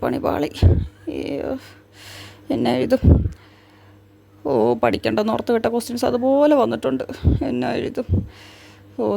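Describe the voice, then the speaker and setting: A woman's voice: fairly high pitch, gravelly, mellow. A woman playing an unprepared schoolgirl who mutters worriedly to herself during an exam.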